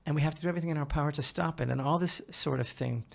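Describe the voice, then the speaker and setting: A man with a fairly high, creaky voice and a fairly bright tone hosts a podcast of conversational opinion commentary. He's halting and emphatic, repeats phrases, and frequently addresses the listener directly.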